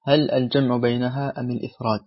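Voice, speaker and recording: Male religious teacher, husky voice, formal measured lesson delivery, dull lo-fi recording. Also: medium pitch, level tone.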